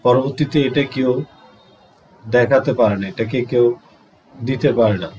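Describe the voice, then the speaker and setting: A man's voice: mid-range voice, a little mellow, a little hiss or hum, rough recording. A man with a Bangladeshi accent teaching English vocabulary, drilling pronunciation and switching into Bangla to explain. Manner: drawn-out pronunciation drills, repeating words. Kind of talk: slow vocabulary lesson mixing English and Bangla.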